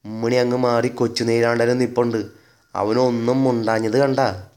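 A man's voice: mid-range voice, little pitch movement, moderate pace, a little mellow, close to an everyday voice. A man doing sly villager. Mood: knowing.

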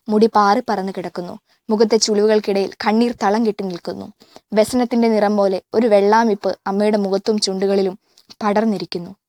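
A woman reading a novel aloud in a measured, even way, now and then stopping to correct a slip. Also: medium pitch, no room sound. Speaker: audiobook reader.

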